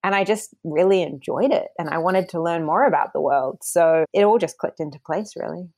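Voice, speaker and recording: A woman's voice: fairly low pitch, brisk, a little mellow. A woman from New Zealand with a broad New Zealand accent, giving reflective, explanatory answers as an interview guest in a conversational style. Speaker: interview guest, academic author.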